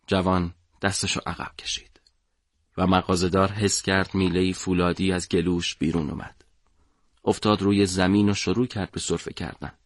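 A man narrating a story for an audiobook in a measured, dramatic way. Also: low-pitched, level tone, dry recording, studio quality.

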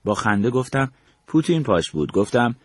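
A man's voice: medium pitch, big pitch swings, slightly rough, no echo, studio quality. An older man from Iran recounting his memories as a storyteller, acting out the dialogue he quotes. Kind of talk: spoken memoir narration.

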